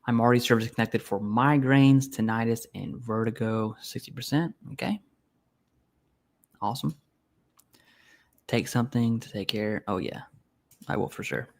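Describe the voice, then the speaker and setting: A man's voice: medium pitch, normal speed, gravelly, long pauses. A man hosting a casual live Q&A stream, reading viewer questions aloud and answering bluntly and informally. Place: home setup, eating while streaming.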